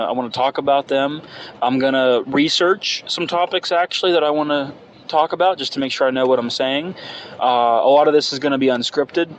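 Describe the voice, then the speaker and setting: A man in his early twenties talks off the cuff in a rambling, hesitant way, as if working out his thoughts aloud. His voice sits at an average male pitch. It is a phone recording made inside a car, with clear noise behind him. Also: low-quality recording. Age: early 20s. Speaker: podcast host. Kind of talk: unscripted casual solo podcast monologue. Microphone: phone microphone.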